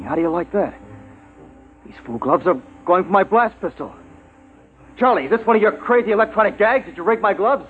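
An actor playing a bewildered male crewman in an old radio drama. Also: on the high side. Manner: startled. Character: bewildered male crewman grabbing his gear. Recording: tinny old radio broadcast with faint music.

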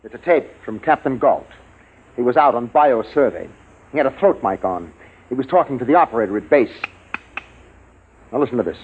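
A man's voice: mid-range voice, lively intonation, brisk, pauses often, a little hiss or hum, lightly acted. An actor playing an urgent male major who leads a station through a crisis, in 1950s radio drama style on a tinny old broadcast. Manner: urgent, explanatory. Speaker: base officer and scientist.

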